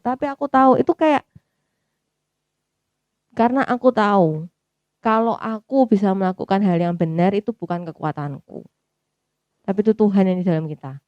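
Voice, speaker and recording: A woman's voice: mid-range voice, no room sound, dull audio. A woman with a Javanese accent giving a personal church testimony in a chatty way, dropping English phrases in and acting out her own thoughts. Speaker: testimony speaker at a youth service.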